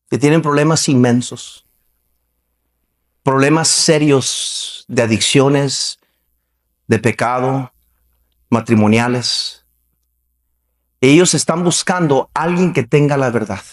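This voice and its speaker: A male pastor preaching a Baptist sermon in a conversational way, asking the congregation question after question and acting out quoted voices. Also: medium pitch. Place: church sanctuary.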